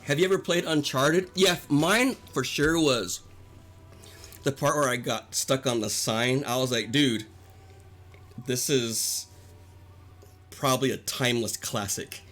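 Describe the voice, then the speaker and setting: Over the game music playing behind him, a man streams live and chats playfully with his viewers, joking, teasing them, and laughing often. His voice sits in the mid range, fairly bright, at a measured pace.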